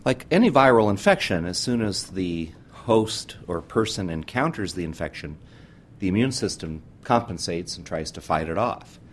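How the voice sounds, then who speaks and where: A man's voice: animated, normal speed. A man speaking as a medical expert, explaining in an interview. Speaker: expert guest, doctor. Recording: faint low rumble noise.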